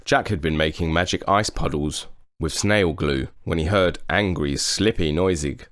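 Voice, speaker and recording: A man reading a children's picture book aloud as an unhurried storyteller. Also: extremely low pitch, fairly bright tone, no room sound, studio quality. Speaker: storybook reader.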